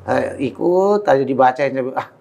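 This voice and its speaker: A man's voice: on the high side, normal speed. A man from Timor, an Islamic preacher, telling his life story in a casual interview, acting out quoted dialogue and laughing often.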